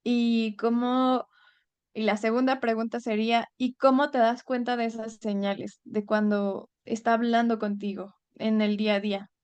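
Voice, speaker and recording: A woman's voice: fairly high pitch, little pitch movement, moderate pace, darkish tone, clean tone, no room sound. A woman hosting a podcast, asking her guest questions in casual chat. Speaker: podcast host. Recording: dull dry sound.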